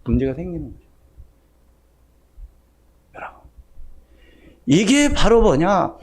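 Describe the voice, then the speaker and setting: Male pastor, sermon, high voice, very lively swings in pitch, rhetorical questions to the church. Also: takes it slowly, breathy edge. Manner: asks the congregation rhetorical questions; acts out quoted speech in shifting voices. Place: church sanctuary.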